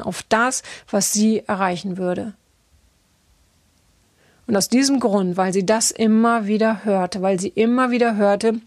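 A woman's voice: medium pitch, no echo, studio quality. A woman coach telling a story from her coaching sessions in a casual, chatty way, with many fillers and restarts, acting out the dialogue.

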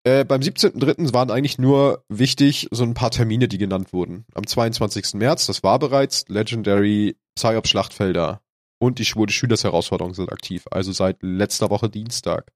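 A man's voice: on the low side, brisk, no room sound, studio quality. Congested, nasal man hosting a podcast. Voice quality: congested, stuffy nasal voice from a cold. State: snotty with a cold. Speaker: podcast host. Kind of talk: casual podcast talk.

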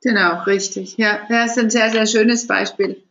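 A woman interviewer with a flat, even voice who affirms her guest. Her voice sounds dull and lo-fi, as if picked up from a little way off the microphone. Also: medium pitch, moderate pace, vocal fry. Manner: agreeable, affirming listener. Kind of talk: conversational interview.

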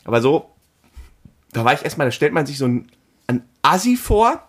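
A man in casual chat, telling an animated story and acting out the phone calls in it. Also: medium pitch, fast, husky.

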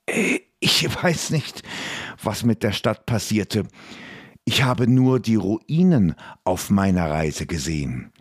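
A man voicing an old male dwarf merchant with a croaky, hesitant voice. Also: lowish voice, sing-song, slow, no echo, studio quality, pitched above the performer's own voice, exaggerated voice. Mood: shaken. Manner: shaken, hesitant.

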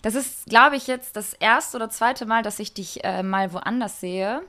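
A woman co-hosting a podcast in bubbly, playful casual chat, quick to laugh. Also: a little high, pushed and bright. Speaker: podcast co-host.

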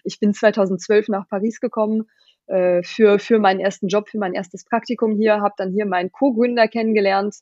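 A woman's voice: mid-range voice, steady tone, fairly quick, darkish tone, dry recording. Woman from Germany, founder, thoughtful with fillers, dry muffled sound. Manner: thoughtful, many fillers and restarts. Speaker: company founder, guest. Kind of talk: casual interview talk.

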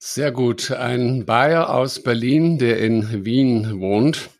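A man's voice: medium pitch, drawn-out words, gravelly, no room sound, studio quality. A man hosting a podcast interview, asking loosely phrased, chatty questions. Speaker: podcast host. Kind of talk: conversational interview.

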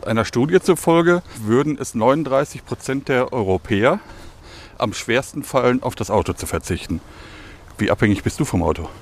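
A man's voice: mid-range voice, expressive, moderate pace, slight background noise. A man interviewing someone outdoors, asking short questions. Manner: brief, asks questions. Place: outdoors on a street.

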